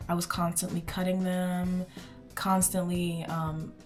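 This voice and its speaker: A Houston beauty vlogger in her twenties chats and rambles while doing her makeup, saying "like" a lot. Her voice is lowish and level, unhurried, with faint music playing behind her.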